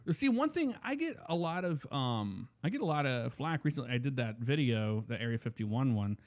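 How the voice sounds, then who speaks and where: A man's voice: mid-range voice, big pitch swings, moderate pace. Rambling man chatting on a podcast. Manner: rambling, filler-heavy storytelling. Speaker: podcast co-host. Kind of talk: casual chat.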